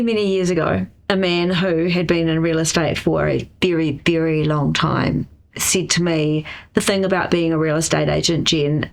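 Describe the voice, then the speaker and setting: Low, creaky New Zealand woman. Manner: explanatory, uses rhetorical questions and tag "right?". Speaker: interviewee, real estate industry chief executive. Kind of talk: podcast interview conversation.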